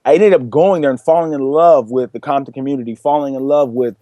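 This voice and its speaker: A man's voice: mid-range voice, fast, no room sound. A young man, a guest in an interview, telling his story earnestly and acting out what people said to him. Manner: earnest, animated storytelling with acted-out quotes. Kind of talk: interview conversation.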